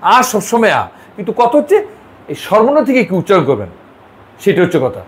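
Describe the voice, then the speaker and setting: A man's voice: sits high, huge pitch swings, brisk. A man teaching French pronunciation in a one-on-one lesson, repeating and correcting sounds with chatty asides. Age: middle-aged.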